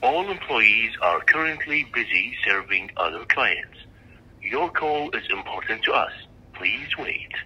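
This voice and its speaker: A man's voice in a recorded phone menu message, giving formal, measured prompts over a phone line. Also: fairly low pitch, lively intonation, bright, forceful tone, a little hiss or hum. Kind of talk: scripted phone system prompts.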